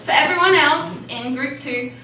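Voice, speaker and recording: A woman's voice: high voice, normal speed. A young British woman from England doing a stand-up set with a dry, self-deprecating delivery. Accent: British English. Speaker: stand-up comedian. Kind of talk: stand-up routine. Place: small improv theater stage. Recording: echoey, distant, noisy room recording.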